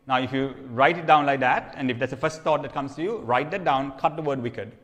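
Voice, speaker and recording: A man's voice: medium pitch, a little fast, fairly bright tone, lo-fi sound. A man preaching in a conversational teaching style. He often asks "okay?" to check in and repeats or restarts phrases. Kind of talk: sermon teaching. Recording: long reverb hall.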